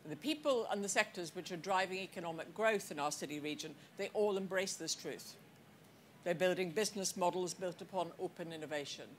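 A woman delivering a scripted conference speech, measured and deliberate, with the odd wry aside. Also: on the low side, a little hiss or hum. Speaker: conference speaker. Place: conference hall.

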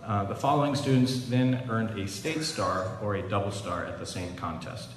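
A man, a school orchestra director, briskly reading a list of award winners at a concert in a large school theatre. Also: fairly low pitch, lively intonation, a little hiss or hum. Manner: brisk, fast listing of names. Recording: echoey hall from far off.

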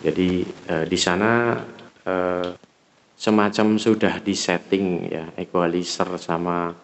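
A man's voice: sits low, steady tone, slow pace. A man with an Indonesian accent giving a casual hands-on gear demonstration, informal and searching for his words. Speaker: product reviewer.

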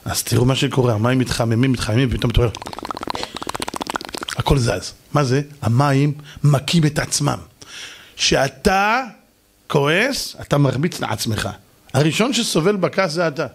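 A man giving a lively sermon to an audience, asking questions and answering them himself, and acting out shouting and calm voices. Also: medium pitch, slight background noise. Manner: animated, mimics shouting and soft calm voices for effect. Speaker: rabbi giving a Torah lesson.

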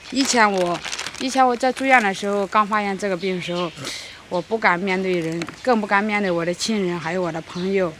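A woman in her late twenties from Henan, talking earnestly and softly in a personal interview. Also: fairly low pitch. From Henan, China. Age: late 20s. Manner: earnest, soft-spoken, repeats words for emphasis. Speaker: documentary subject. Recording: noisy outdoor field recording.

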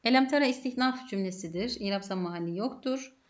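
A woman's voice: medium pitch, a little fast, lo-fi sound. Methodical Turkish woman teaching grammar. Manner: methodical, poses and answers her own questions. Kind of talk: grammar lesson.

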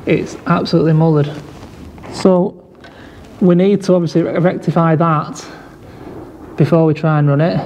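A man's voice: a little high, steady tone, normal speed, long pauses, darkish tone, highs cut off, a little hiss or hum. Rambling man in an echoey workshop. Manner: rambling, hesitant, with many fillers and restarts. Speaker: car salvage vlogger. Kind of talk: casual walkaround commentary. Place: large workshop garage.

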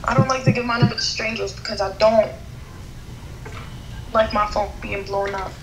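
A woman's voice: medium pitch, fairly even intonation, normal speed. A woman in her early twenties with an American accent, chatting casually and skeptically in slang over a phone video call. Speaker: video-chat caller. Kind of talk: casual chat. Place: indoor room at home. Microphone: phone at arm's length, video call. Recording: faintly noisy video-chat audio.

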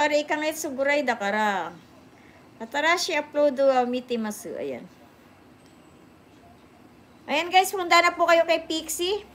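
A woman in her sixties hosts a livestream from a phone held at arm's length in an indoor room with a sofa, her high voice a bit bright against slight background noise. Sounding sleepy, she chats casually, mixes languages, answers comments, and keeps thanking her viewers.

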